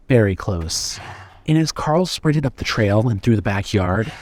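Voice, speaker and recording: A man narrating a horror story in a steady, suspenseful reading style. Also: medium pitch.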